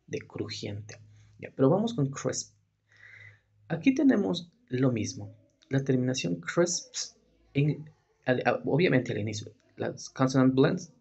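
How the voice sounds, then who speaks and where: A man's voice: medium pitch, darkish tone. A man teaching English in Spanish, explaining step by step and asking rhetorical questions as he goes. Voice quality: very husky and gravelly. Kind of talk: explaining a grammar lesson.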